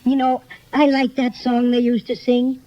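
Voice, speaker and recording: Performer as male toy bear, Irish, pint-sized and high-pitched, feisty braggart; muffled vintage radio serial. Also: completely flat delivery, moderate pace, close to an everyday voice. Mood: chatty. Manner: blustering, theatrical. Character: small feisty, boastful male toy teddy bear, comically blustering. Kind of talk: 1930s children's radio serial acting.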